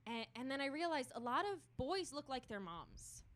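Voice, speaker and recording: A young woman performing a stand-up comedy set on a club stage, telling dark self-deprecating jokes with deadpan delivery. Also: high-pitched, moderate pace.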